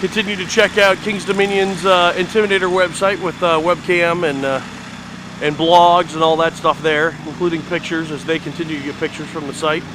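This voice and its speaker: A man's voice: fairly high pitch, flat delivery, fairly quick, noisy background. A man hosting a casual walking tour of an outdoor construction site, talking enthusiastically with lots of fillers. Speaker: fan site video host.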